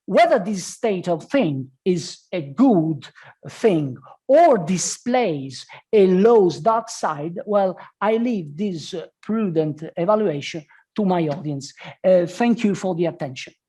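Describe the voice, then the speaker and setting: Slow, halting woman presenter. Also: fairly low pitch, animated, dark tone, slightly rough. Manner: halting, many hesitations. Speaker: conference speaker. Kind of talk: academic presentation.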